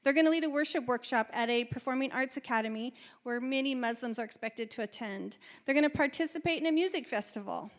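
High-voiced woman reading church announcements. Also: quick pace, hardly any pauses. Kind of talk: informal announcements read from notes.

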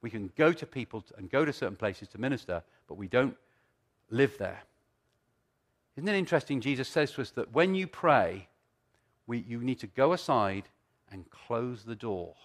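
Animated preacher, very varied pitch. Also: male voice, normal speed. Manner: conversational, repeats phrases for emphasis, rhetorical questions. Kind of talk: sermon with storytelling and teaching.

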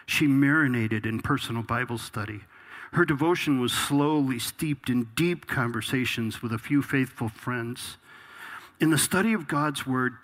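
A man's voice: mid-range voice, fairly bright tone. A man preaching a sermon, reading a passage aloud and then exhorting the congregation with growing intensity. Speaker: pastor.

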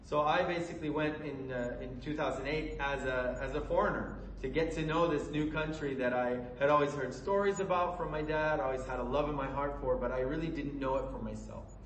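Guy preaching, kinda high voice, stops and restarts a lot, roomy and far off the mic. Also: slight background noise. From Colorado, USA. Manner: earnest, halting with many fillers and restarts. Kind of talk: sermon. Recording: echoey room from away from the mic.

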